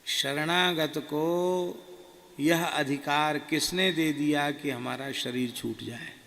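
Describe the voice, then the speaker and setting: An old holy teacher speaks with fond authority, as a man retelling a dream puts him on. He asks emphatic, chiding questions in a gravelly voice pitched a little above the speaker's own. The voice rings with a long hall reverb over faint background noise. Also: a little slow. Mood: concerned scolding. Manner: warm admonishing, emphatic questions. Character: elderly male guru, affectionate and gently scolding.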